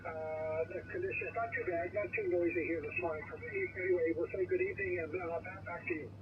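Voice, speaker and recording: Male radio amateur with a high voice, courteous, muffled by a noisy crackly radio channel. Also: fairly even intonation, fast. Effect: crackly two-way radio. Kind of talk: polite ham radio contact. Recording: muffled distant radio, loud static.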